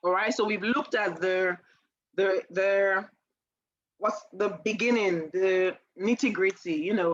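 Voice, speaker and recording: A woman teaching a sales class in a chatty, animated way, often asking her listeners questions. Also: mid-range voice, no room sound, dull audio. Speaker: sales trainer.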